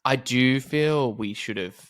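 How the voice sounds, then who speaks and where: A man co-hosting a podcast, chatting about a reality show in a camp, expressive way, swearing freely. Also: medium pitch, slow. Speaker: podcast co-host. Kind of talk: casual recap chat.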